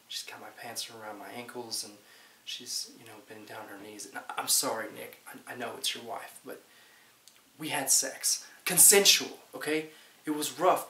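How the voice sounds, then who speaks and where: A young American man in his twenties acting a dramatic monologue as a bitter, aggrieved man who says he was framed, defensive and halting. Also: fairly low pitch, level tone, pushed and bright. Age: 20s. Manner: defensive, emphatic, swearing, halting. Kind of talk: dramatic monologue, naturalistic audition-style acting. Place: small plain indoor room. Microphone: camera mic a few feet away. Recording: roomy home recording with hiss.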